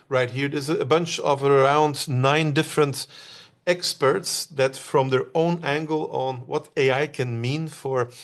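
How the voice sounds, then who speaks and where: A man from Belgium presents to an online audience at an everyday mid pitch. He talks loosely, filling pauses with "uh" and putting questions to his listeners. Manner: conversational, many "uh" pauses, asks the audience questions.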